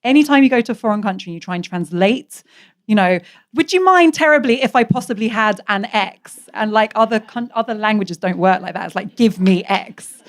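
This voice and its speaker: This is a woman, speaking as an author on a live discussion panel. Her speech is mid-pitched, lively and wry, and she slips into playful mock voices to make a point. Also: brisk. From Britain. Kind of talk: live public conversation.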